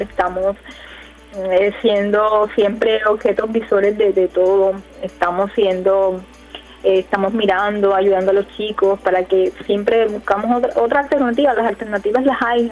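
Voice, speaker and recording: A woman, a radio guest answering in a casual, hesitant way with many fillers and restarts. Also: mid-range voice. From Colombia, Córdoba department. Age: 20s. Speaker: youth council leader, radio guest. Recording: muffled radio audio, faint music behind.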